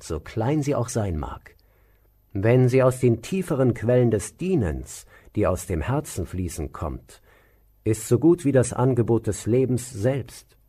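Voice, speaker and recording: A man voicing a stern, impatient old sage who speaks in a sharp, commanding way. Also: medium pitch.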